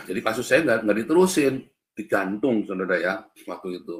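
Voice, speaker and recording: A man's voice: lowish voice, lively intonation, normal speed, bright, forceful tone. A man preaching to a congregation in a casual, storytelling way, with an Indonesian accent, often calling his listeners "brothers". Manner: addresses the congregation as "Saudara" again and again, anecdotal. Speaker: pastor. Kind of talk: sermon.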